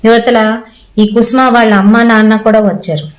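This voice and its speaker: A woman with a Telugu accent narrates a horror story casually, as if chatting, voicing the quoted lines herself. Her voice is a little high with a level tone and normal speed, and the recording is rough.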